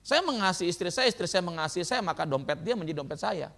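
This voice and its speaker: A man preaching a sermon as pastor, lively and joking with his congregation in a church. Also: high-pitched, quick pace, vocal fry.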